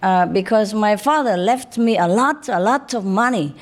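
A woman's voice: medium pitch, normal speed, lightly acted. A peeved, accusing wife, told by a woman. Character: annoyed wife in a marital quarrel.

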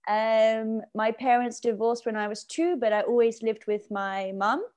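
Higher-voiced southern English woman, casual and giggly. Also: a little slow, darkish tone. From Surrey, England. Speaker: podcast guest, dancer. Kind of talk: casual interview chat.

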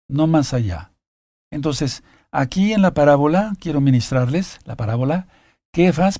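A man with a dark, mellow voice teaches from the Bible in a deliberate, repetitive way. He reads passages aloud, then breaks off to speak straight to his listeners. The sound is dry and close, with little room in it. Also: medium pitch, dry recording. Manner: slow, deliberate, repeats key phrases. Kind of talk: sermon-style Bible teaching.

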